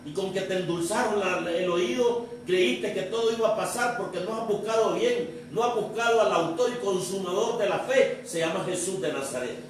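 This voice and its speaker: A male pastor with a high-pitched voice delivers a sermon, pressing the congregation with question after question. He is recorded in a very echoey church, picked up from a distance with a faint hiss underneath. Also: normal speed, hardly any pauses. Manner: preaching with repeated rhetorical questions.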